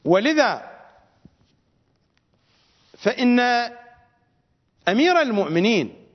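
A man's voice: high voice, very animated, slow, breathy edge. A man with an Iraqi Arabic accent giving a religious lecture as a cleric, fiery and scornful, repeating phrases for stress. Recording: reverberant dull lo-fi recording.

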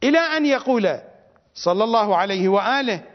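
A man with an Iraqi accent lectures with fiery, scornful emphasis, his voice high and sweeping up and down. The recording is dull and lo-fi, with a long reverb trailing each phrase. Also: expressive, fairly quick. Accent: Iraqi Arabic. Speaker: cleric. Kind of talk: religious lecture.

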